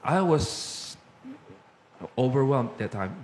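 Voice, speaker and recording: A man casually telling his personal story as a guest, slipping English phrases into his talk and getting animated as he recounts. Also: medium pitch, extremely slow, slight background noise.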